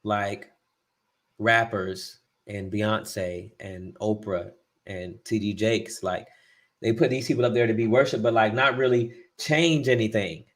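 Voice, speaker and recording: A man's voice: fairly low pitch, steady tone, unhurried. Opinionated male podcast co-host. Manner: opinionated, speeds up when ranting. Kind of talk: casual opinion chat.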